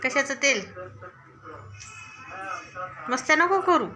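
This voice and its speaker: A woman's voice: high-pitched, expressive, drawn-out words, background noise. A woman with a Marathi accent chatting casually at home, coaxing and affectionate with her child. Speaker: vlogger and mother. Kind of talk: casual family chat.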